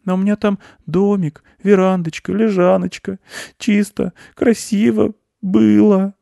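A man's voice: high voice, little pitch movement, a little slow, vocal fry, mellow, dry recording, muffled recording, pitched above the performer's own voice. A man voicing a timid, tearful young male mouse who pleads anxiously. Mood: complaining.

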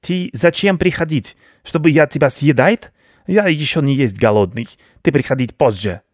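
A man's voice: on the high side, moderate pace, no room sound, studio quality, pitched above the performer's own voice, natural voice. A man voicing a pompous, vicious male rat baron who talks in broken grammar, for a storybook reading. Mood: haughty. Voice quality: broken grammar, haughty and blustering.

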